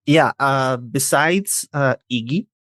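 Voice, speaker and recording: A Chilean man in his thirties, a native Spanish speaker, chats casually as a podcast guest and often searches for words. His mid-range voice is slow and fairly bright, recorded at studio quality with no room sound.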